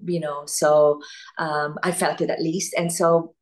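A woman from Italy, an actress talking as an interview guest, thoughtful and animated, often searching for words. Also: low-pitched, a little slow. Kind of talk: casual interview chat.

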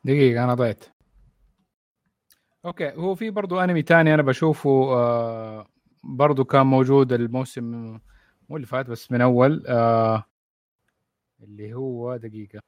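A man's voice: medium pitch, fairly quick, long pauses, no room sound, studio quality. A man, hosting a casual podcast chat about anime in an easygoing way. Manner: relaxed, easygoing, laughs often.

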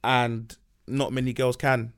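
A man's voice: medium pitch, flat delivery, takes it slowly, a bit bright, smooth. A man with a London accent talking candidly and casually on a podcast, full of slang and repeated emphasis. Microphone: podcast microphone.

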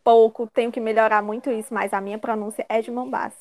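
A woman's voice: on the high side, steady tone, fast. Playful wry woman. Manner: playful, wry, coins joking terms. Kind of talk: casual chat.

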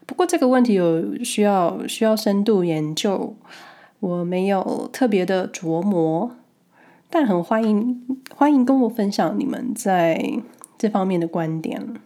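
A woman's voice: medium pitch, lively intonation, unhurried, warm tone. A woman with a Taiwanese Mandarin accent and a nasal, stuffed-up voice, as if she had a cold, casually sharing personal experiences with listeners. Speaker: podcast host.

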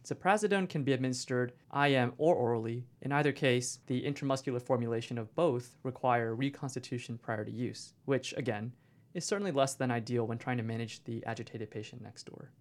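Male co-host, average pitch, explanatory scripted read in the manner of a corporate training video. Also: a little fast. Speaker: medical podcast co-host.

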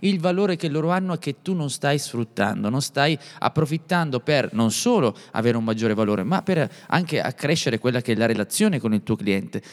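A man's voice: medium pitch, animated, moderate pace, few pauses. A man co-hosting a podcast in informal, playful, rambling conversation, his voice congested and stuffy from a cold. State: has a cold. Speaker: podcast co-host. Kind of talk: casual unscripted podcast conversation. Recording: long reverberant hall echo.

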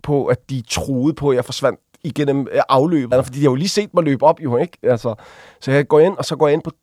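A man, a guest on an interview, telling a personal story casually, with halting restarts and vivid acted-out quotes. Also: medium pitch, a little mellow, no echo, studio quality. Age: adult. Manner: vivid, acts out quoted voices while retelling.

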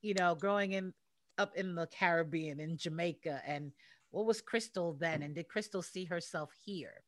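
A woman's voice: on the low side, moderate pace, no echo. A woman hosting a faith-based podcast, upbeat and welcoming, laughing often with her guest. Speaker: podcast host.

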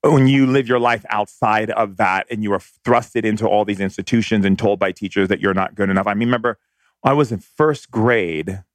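A man in his fifties, from Hawaii, tells a long personal story. His voice sits very low, and he wanders through his thoughts with plenty of "you know"s. The sound is dry, with no room echo. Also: a little fast. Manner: rambling, reflective, filler-heavy. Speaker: shamanic spiritual speaker.

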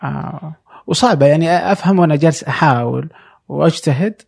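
A man hosts a casual interview, speaking quickly in a gravelly, husky voice. He pauses often to hunt for the right word. His tone is dark and mellow. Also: on the high side, no room sound, clean studio sound. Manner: halting, pauses to search for words. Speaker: podcast host.

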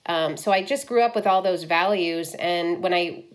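A woman's voice: lowish voice, normal speed. A woman in her fifties from Ohio, a film director, talking frankly in an interview, with many fillers. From Ohio, US Midwest. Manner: frank, lots of likes and ums. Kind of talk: candid conversational interview.

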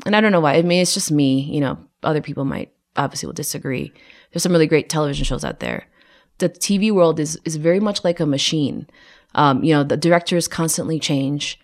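Low-voiced and brisk, a weary woman who grew up in the US chats in a relaxed interview about her production design work, her speech dotted with fillers, restarts and laughter.

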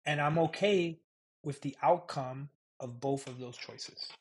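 A man's voice: medium pitch, unhurried, breathy edge. A middle-aged man, a chef and restaurant owner, speaking frankly and sarcastically as a podcast guest, often repeating himself and laughing. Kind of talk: candid conversational interview.

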